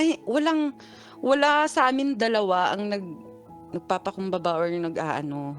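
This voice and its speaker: A woman caller in her thirties, from the Philippines, tells her story in an animated way. She acts out both sides of an argument, and her voice jumps up high when she quotes it. Faint music plays under the call. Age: 30s. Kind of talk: phone-in confession.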